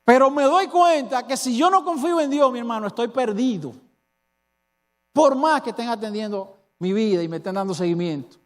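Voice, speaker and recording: High-voiced Dominican pastor preaching. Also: male voice, animated, moderate pace. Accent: Dominican Spanish. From Dominican Republic. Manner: emphatic preaching with rhetorical questions to the congregation. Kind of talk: sermon. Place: church hall. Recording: reverberant church hall.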